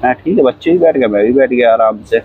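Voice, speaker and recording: Speaking at a quick pace in a mid-range, breathy-edged voice, a cab driver rambles through a long tale for a casual interview. He repeats phrases, acts out dialogue, and coughs often as he talks. The audio is narrow and tinny.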